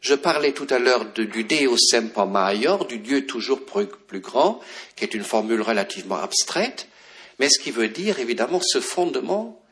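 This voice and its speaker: A man's voice: mid-range voice, lively intonation, moderate pace, fairly bright tone. A man giving a lecture on the Bible, reading passages aloud and explaining them with many fillers and restarts.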